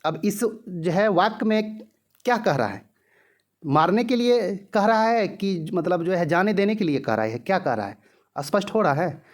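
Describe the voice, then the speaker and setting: Explaining Hindi teacher with filler phrases. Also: male voice, high-pitched, lively intonation. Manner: heavy use of filler "jo hai", rhetorical questions answered himself; repeats example sentences slowly. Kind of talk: exam-prep grammar lesson.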